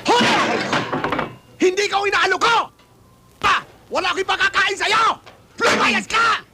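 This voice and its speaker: An actor playing a hot-tempered older man in a sitcom who shouts and scolds. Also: very high-pitched, expressive, moderate pace, heavy background noise. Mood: scolding. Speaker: sitcom character. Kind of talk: slapstick sitcom acting.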